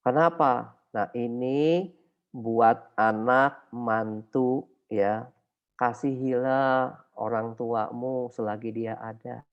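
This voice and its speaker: An older man preaches a chatty sermon full of family anecdotes, his voice gravelly with plenty of fry. He swings between loud and soft as he talks. The sound is dull and low-fi, like an online church broadcast. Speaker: pastor.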